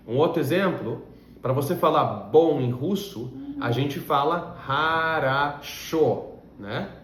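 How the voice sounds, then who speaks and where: A man from Russia, a native Russian speaker, teaching a language lesson with patient, step-by-step explanations and frequent check-in questions. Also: medium pitch. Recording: roomy echo with faint background hum.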